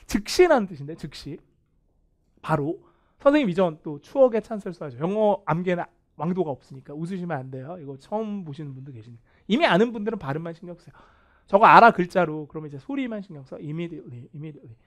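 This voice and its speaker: Guy teaching english vocab on video, kinda high voice, jokes at himself a lot. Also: quick pace. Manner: animated, playful and self-mocking. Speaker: English test instructor.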